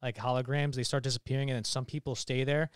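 Podcast panelist, male, smooth clear voice, dry close sound, excitable rambling recap. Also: medium pitch, fast talker, no echo. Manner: excited, rambling retelling with many fillers. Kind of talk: casual movie podcast chat.

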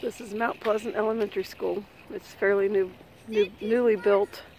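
Speaking at normal speed with medium pitch, fairly even intonation, and a slightly mellow tone, a middle-aged woman vlogs her family outdoors on a neighborhood walk. Holding her phone, she chats, laughs often, and calls out to the kids, in a rough recording with slight background noise.

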